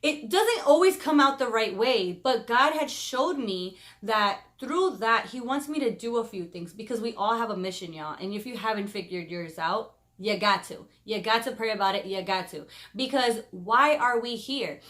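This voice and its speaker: A woman of about thirty talking to camera in a casual vlog, openly expressive and chatty, speaking of her faith. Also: fairly high pitch, moderate pace, few pauses. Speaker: vlogger.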